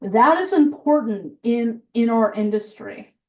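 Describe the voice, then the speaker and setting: A woman's voice: fairly high pitch, animated, a little slow, mellow. A woman compliance engineer giving a methodical technical presentation, explaining with frequent fillers, and she has the hiccups.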